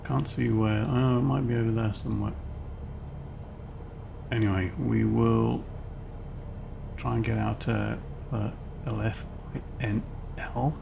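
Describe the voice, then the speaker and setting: A man's voice: on the low side, steady tone, slow, gravelly, pauses often, dull audio, noisy background. A man giving casual, rambling running commentary as he flies, thinking aloud.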